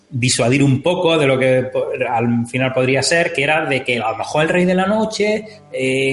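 A man with a Spain Spanish accent chats casually as a podcast panelist, often hesitating and justifying himself. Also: medium pitch. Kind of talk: casual group chat. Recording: roomy echo, music underneath.

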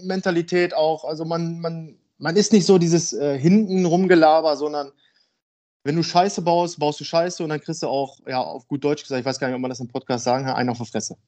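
A man in his thirties from Germany, a football player talking frankly and a bit haltingly as a podcast guest. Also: on the high side, steady tone, dark tone. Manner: frank, rambling, hesitant. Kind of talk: casual podcast interview.

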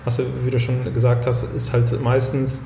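A man co-hosting a casual talk show, talking in a halting way with many fillers and restarts. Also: medium pitch, completely flat delivery, mellow, echoey room, a little hiss or hum. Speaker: podcast co-host. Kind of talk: casual discussion.

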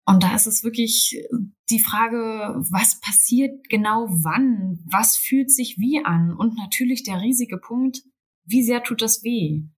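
A woman's voice: on the high side, takes it slowly, slightly rough. A woman from Berlin, a birth doula, explaining things thoughtfully as a podcast guest. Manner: thoughtful, explanatory, many fillers. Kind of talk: podcast interview.

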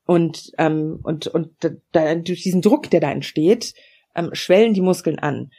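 A woman in her forties speaking as a podcast guest, laying out her story in a frank, matter-of-fact way. Her voice is mellow and a little husky, and she drops in fillers as she explains. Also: low-pitched, a little slow. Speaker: interview guest. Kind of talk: personal storytelling in a podcast interview.

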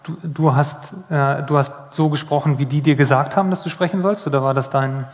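A man's voice: on the high side, fairly even intonation, fairly quick. Chatty male interviewer in a hall. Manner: rambling questions with restarts and playful teasing. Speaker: interviewer, host. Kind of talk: casual interview questions. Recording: long hall reverb.

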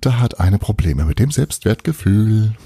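A man reading a storybook, voicing a cheeky, playful boy who guides with breezy teasing and calm reassurance. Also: fairly low pitch, unhurried, breathy edge, no echo, clean studio sound, heavily acted.

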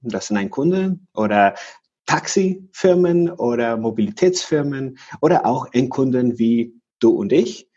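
Man from Venezuela, husky voice, dull lo-fi sound, halting with fillers. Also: mid-range voice, expressive, dark tone. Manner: searching for words, many fillers and restarts. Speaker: futurist guest. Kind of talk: podcast interview.

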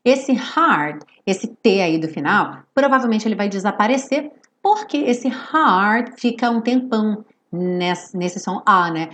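A woman's voice: mid-range voice, lively intonation, fairly bright tone. A woman who speaks Portuguese as her first language, teaching English pronunciation through song lyrics. She draws out each sung phrase and checks in with the learner often. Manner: slow, drawn-out modelling of English phrases between quick explanations; frequent tag checks like tá and ok.

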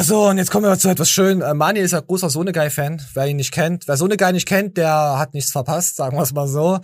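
A podcast host, tired from little sleep, rambles and jokes through a casual chat, stammering and restarting his sentences. His voice is on the high side, with no room sound.

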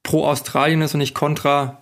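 Guy asking careful questions, kinda flat, pauses with ums. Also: a little high. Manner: measured, probing questions with hesitations. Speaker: interviewer. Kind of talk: casual conversation.

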